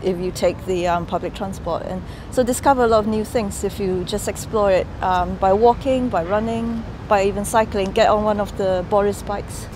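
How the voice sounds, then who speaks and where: A woman from Singapore, a PhD student, speaking in a relaxed, chatty way in an interview. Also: medium pitch, moderate pace, hardly any pauses, background noise. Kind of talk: interview testimonial.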